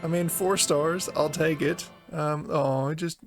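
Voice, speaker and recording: Male gaming host: higher-pitched, wry, slangy, informal playthrough commentary over clear game music. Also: fairly even intonation, takes it slowly. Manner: joking, slangy, wry reactions. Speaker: gaming video host playing through a game. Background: game music and effects.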